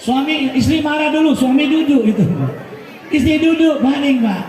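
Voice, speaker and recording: A man with an extremely high, slightly mellow voice, speaking at normal speed, preaches a humorous sermon at a mosque gathering, joking and bantering with the congregation and calling out to them constantly. The mosque hall is echoey, with crowd murmur and slight background noise.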